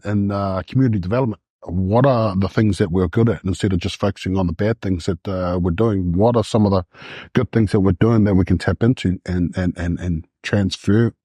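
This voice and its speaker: A man in his forties, born in Samoa, telling his life story as a podcast guest, with many pauses and restarts. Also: fairly low pitch, dark tone, husky, no room sound. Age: 40s. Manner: halting, many fillers and restarts. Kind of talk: podcast interview in a classroom.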